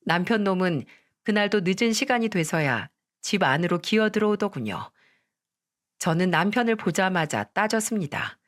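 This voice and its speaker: A woman narrating a scripted story in a steady, aggrieved storytelling manner. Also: medium pitch, normal speed.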